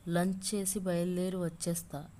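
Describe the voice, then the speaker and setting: Gentle young father, woman reading him, calm soothing talk, low voice. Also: moderate pace, close to an everyday voice. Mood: tender.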